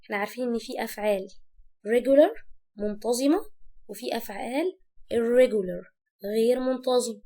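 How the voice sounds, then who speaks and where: A young adult woman with an Egyptian Arabic accent, teaching an English lesson, who stretches out and repeats words slowly to model their pronunciation. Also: on the high side, darkish tone.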